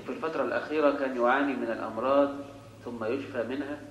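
A man reading out worshippers' written questions at a mosque lecture, in an even, steady reading manner. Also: mid-range voice, very fast, roomy sound, dull audio, slight background noise. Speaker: reader of submitted questions. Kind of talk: reading letters aloud.

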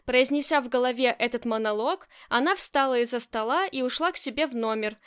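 A woman narrating a novel as an audiobook, with an even, clear storytelling delivery. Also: fairly high pitch, fairly quick. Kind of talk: scripted narration of a crime novel.

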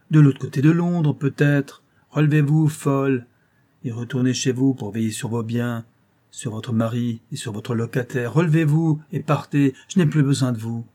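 A man's voice: medium pitch, dark tone, lightly acted. A man voicing a proud, cold noblewoman who speaks in dry, hard, contemptuous commands, reading a classic novel aloud.

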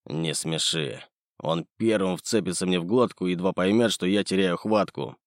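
A male audiobook reader voicing a gruff, bullying middle-aged businessman. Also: low voice, normal speed, dry recording, studio quality, lightly acted. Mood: sneering. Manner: sneering, bullying.

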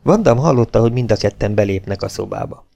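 A man narrating a novel in an audiobook, reading in an even, steady way. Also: lowish voice, creaky.

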